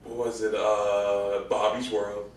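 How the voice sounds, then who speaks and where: A man on a casual podcast, easygoing and a bit soft-spoken, filling his talk with "like". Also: fairly low pitch, monotone, slow pace. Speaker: podcast guest. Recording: very echoey room, far mic, faint background noise.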